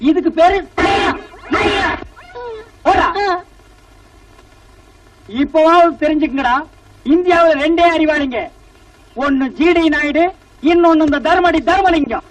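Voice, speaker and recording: An actor playing a boastful comic village man who proclaims loudly. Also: very high voice, unhurried, long pauses. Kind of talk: Tamil film comedy dialogue. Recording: distant film soundtrack.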